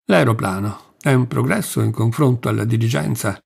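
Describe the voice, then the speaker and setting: A man reading the part of a passionate, blunt young man, with a gravelly voice. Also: medium pitch, moderate pace, a little mellow. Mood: fervent. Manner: fervent, blunt. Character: passionate young male zealot. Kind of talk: audiobook reading.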